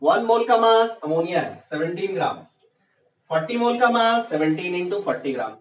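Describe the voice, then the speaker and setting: Casting: male chemistry tutor, high voice, fires rhetorical questions at the class, echoey room, mic at a distance. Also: very animated, normal speed. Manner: rhetorical questions, urging students on. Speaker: chemistry teacher. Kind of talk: exam-prep lecture.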